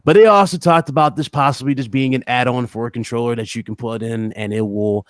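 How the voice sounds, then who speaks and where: A man hosts a gaming podcast livestream, chatting informally with the audience, commenting on news and teasing his co-hosts. His mid-range voice moves briskly, and the studio sound is clean with no echo.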